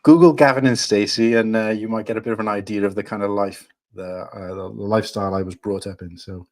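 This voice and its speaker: This Welsh man in his thirties, with a Cardiff-area accent, chats casually as a podcast guest. His voice is fairly low and darkish, with a fairly even intonation and a fast delivery, and he often hesitates, saying um and restarting his sentences.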